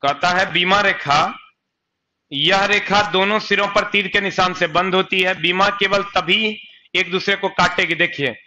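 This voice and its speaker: Man, Bihari accent, classroom lecture, chatty, keeps asking questions, bright higher voice, dull lo-fi sound. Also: steady tone, measured pace. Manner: chatty, asks students questions and answers them himself. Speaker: teacher. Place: coaching classroom.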